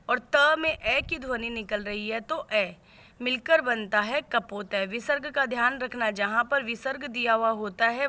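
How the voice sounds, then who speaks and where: A woman teacher giving a lesson, explaining slowly and patiently, step by step. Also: on the high side, pushed and bright. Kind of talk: classroom lesson on word spelling.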